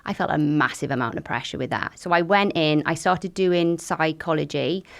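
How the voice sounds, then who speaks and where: Woman, middle-aged, low voice, frank and chatty, tells her story with lots of likes and ums. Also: normal speed, creaky. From Wales. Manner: frank, lively, lots of fillers. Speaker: guest. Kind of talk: candid conversational storytelling.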